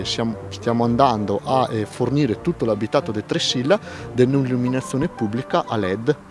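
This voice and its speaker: An older man with a Trentino Italian accent, a municipal administrator, speaking hesitantly with fillers in an outdoor interview by a lake. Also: mid-range voice. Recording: music underneath.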